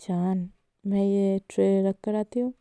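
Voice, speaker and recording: A gentle, timid young woman who speaks softly and tries to placate, played by a woman narrator. Her tone is dark and mellow and her pace slow. The sound is dry and close. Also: mid-range voice, steady tone, clean tone, dry recording. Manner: soft and placating, sometimes flustered.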